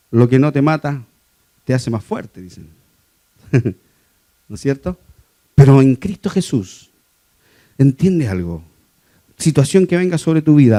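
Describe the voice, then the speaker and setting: A man preaching a sermon to his congregation, moving between quiet personal testimony and raised, emphatic exhortation. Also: on the high side. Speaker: lay preacher.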